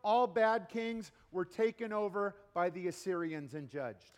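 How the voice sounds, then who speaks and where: A man preaching from the pulpit with a very high voice, joking and animated as he teaches. He pauses for an interpreter after each line. His voice rings out with a long hall reverb. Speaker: pastor. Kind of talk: bilingual sermon with interpreter.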